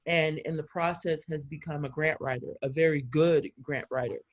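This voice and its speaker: An excited woman chatting casually on a video call as a community organizer, talking fast with lots of fillers. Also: deep voice. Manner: energized, talks fast with many fillers and quoted voices. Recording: muffled video-call audio.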